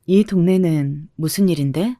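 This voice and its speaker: A woman's voice: on the low side, moderate pace, warm tone, no room sound, clean studio sound, close to an everyday voice. A woman voicing a blunt, successful woman near forty who answers in curt, cutting retorts. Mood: scornful.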